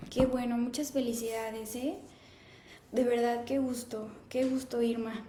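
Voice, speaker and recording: A woman in her thirties hosting a live stream, chatting casually and reading viewer comments aloud in a warm, conversational way. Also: fairly high pitch, fairly even intonation, unhurried, a little hiss or hum. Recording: echoey room.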